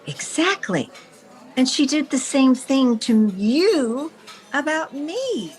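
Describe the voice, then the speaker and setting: A woman plays a sharp, self-assured lady publisher from an old-time radio comedy in a full character voice. She's very animated yet slow, swinging her pitch expressively as she takes her time over each word. Her teasing, theatrical delivery sounds indignant and scheming.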